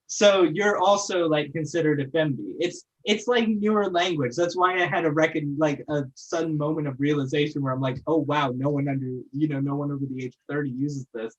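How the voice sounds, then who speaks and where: Lively chatty guest from northeast texas, middle pitch, laughs easy. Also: rough recording. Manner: animated, chatty, quick to laugh. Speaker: podcast guest. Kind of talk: casual chat.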